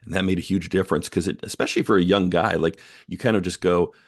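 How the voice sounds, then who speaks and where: This is a man with a deep, low voice, talking as a podcast guest. He sounds earnest and reflective and often fills his pauses with "um" and "you know." The recording is dry and close, with no room sound. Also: steady tone, no echo. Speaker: guest author and editor. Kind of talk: conversational podcast interview.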